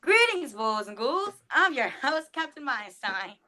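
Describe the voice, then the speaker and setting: A man's voice: very high-pitched, big pitch swings, a little slow, heavy background noise, pitched above the performer's own voice, full character voice. A man voicing a campy horror host captain delivering a theatrical show intro in the manner of a vintage horror narrator. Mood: showy welcome.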